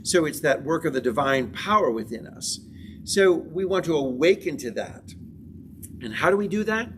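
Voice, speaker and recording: A man teaching a spiritual class, speaking in slow, measured phrases and repeating affirmations. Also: fairly high pitch, lively intonation, fairly bright tone, distant mic, a little hiss or hum.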